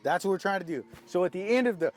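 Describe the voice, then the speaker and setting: Acting as a calling instructor, a man with a notably high voice walks through a practical demonstration, explaining each step in a casual, folksy manner. His intonation is lively and his pace is quick.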